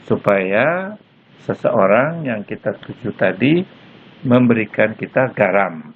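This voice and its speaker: A male university lecturer explaining patiently and slowly, tagging his points with "ya", recorded as a lecture on a phone or laptop mic. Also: fairly low pitch, lively intonation. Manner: slow, patient explaining with frequent "ya" tags. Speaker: German lecturer. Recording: lo-fi phone-like recording with faint noise.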